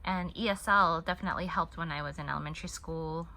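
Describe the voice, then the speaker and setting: A crochet channel host in her thirties, who grew up in the United States and spoke Korean first, chats casually while crocheting at her home in Hong Kong, rambling and often restarting sentences. She talks fast in a low-pitched voice that is creaky, pushed, and bright.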